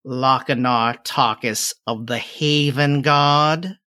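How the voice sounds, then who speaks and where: A man voicing an ancient, menacing crone in a tabletop game, speaking like an old hag in slow, drawn-out, deliberate phrases. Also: medium pitch, fairly even intonation, pushed and bright, clean tone. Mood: sly, probing. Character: ancient menacing female crone of three fey sisters. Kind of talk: in-character tabletop role-play.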